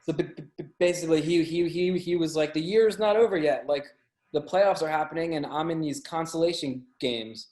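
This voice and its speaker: A man appears as a podcast guest, casually sharing anecdotes in a halting manner and often repeating or tripping over his words. His voice is a little high and a little mellow, and the recording sounds roomy and echoey.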